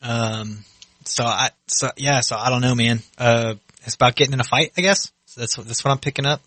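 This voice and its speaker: Bright-sounding guy cohosting a podcast, lots of ums, swears a bunch, dry close mic. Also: mid-range voice, brisk, dry recording. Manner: hesitant, swears often, many fillers. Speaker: podcast co-host. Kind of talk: casual chat.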